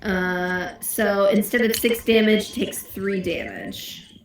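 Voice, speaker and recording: Woman tabletop player, slow hesitant casual delivery, very reverberant with faint noise. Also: medium pitch. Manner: hesitant, thinking aloud. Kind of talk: casual game-table chat.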